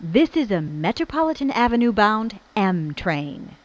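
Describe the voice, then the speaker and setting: A woman's voice: mid-range voice, sing-song, measured pace, no echo. A woman reading recorded train announcements in stilted, spliced-together phrases. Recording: dull lo-fi train speaker recording.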